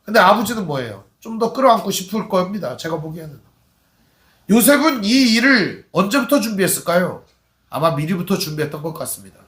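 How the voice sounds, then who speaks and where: A man's voice: sits high, a bit bright, reverberant. A male pastor preaching a sermon in a conversational way, often putting questions to his congregation. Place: church sanctuary.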